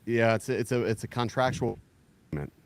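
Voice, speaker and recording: A man guest joining a podcast, speaking haltingly and repeating words. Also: medium pitch, animated, a little hiss or hum. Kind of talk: casual banter on a podcast.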